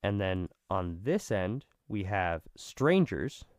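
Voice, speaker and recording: A man with vocal fry, just over being sick, giving a casual, rambling explanation and often correcting himself. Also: deep voice, big pitch swings, slow, a little mellow, dry recording, clean studio sound. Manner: rambling, self-correcting, self-deprecating. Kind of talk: casual, informal explanation at a drawn diagram.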